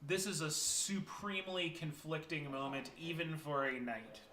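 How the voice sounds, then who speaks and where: A man running a tabletop game as game master, narrating slowly with many fillers and hesitations. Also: on the high side, pushed and bright. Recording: echoey room, faint noise.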